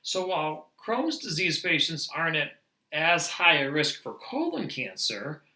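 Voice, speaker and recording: A man teaching nurses in a lively, emphatic lecture, now and then laughing at himself. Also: on the high side, measured pace, roomy sound, low-quality recording. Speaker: nurse educator. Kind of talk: medical lecture.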